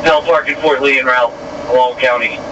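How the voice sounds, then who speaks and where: A male police dispatcher heard over a police radio, giving short, procedural calls. His voice sits mid-range and comes through muffled and distant. A loud hiss of noise runs beneath the transmission. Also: mid-range voice, steady tone, fairly quick.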